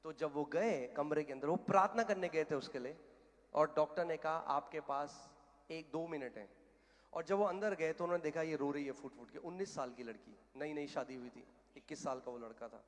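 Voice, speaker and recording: A male preacher giving a sermon and telling a story, emphatic, building to loud declarations and dropping English phrases into his speech. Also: on the high side, a little fast. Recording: long echo of a hall.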